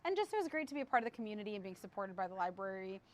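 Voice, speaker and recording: A woman's voice: mid-range voice, sing-song, very fast. A woman hosting a local TV show, chatting casually and rambling, with frequent laughs. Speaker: TV show host previewing segments. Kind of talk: casual on-air chat.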